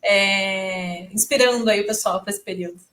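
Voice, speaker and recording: A woman's voice: mid-range voice, normal speed. A woman hosting a podcast interview, friendly and chatty, with fillers as she talks. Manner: warm thanks, fillers, friendly. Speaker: podcast host.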